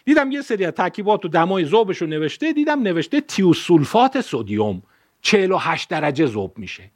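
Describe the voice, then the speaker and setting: A man in his fifties giving a public science talk, an animated storyteller who mixes ideas with a personal anecdote and often corrects himself. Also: sits high. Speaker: lecturer.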